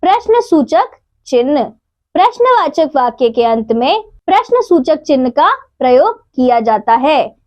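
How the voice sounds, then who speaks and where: A woman teaching a grammar lesson to children, reading out examples slowly and clearly. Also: sits high, sing-song, muffled recording.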